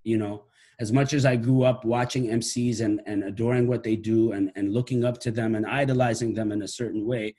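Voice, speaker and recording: Here an Iraqi professor and musician, late thirties, reflects aloud to camera during a video call picked up by his laptop webcam at home in his living room. The voice is fairly low and mellow, brisk, with fairly even intonation, and he keeps restarting phrases.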